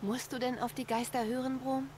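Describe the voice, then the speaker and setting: An actress plays a young woman hunter in a video game, steady and reassuring. Her voice sits a bit high. She speaks with calm composure. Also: brisk, slight background noise, lightly acted.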